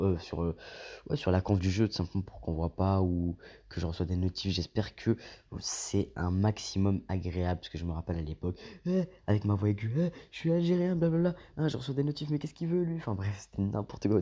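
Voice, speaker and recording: A man with a low, mellow voice gives let's play commentary. He reads the game's lines aloud and keeps drifting into long, slangy asides. His delivery is loose and talkative. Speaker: gaming YouTuber.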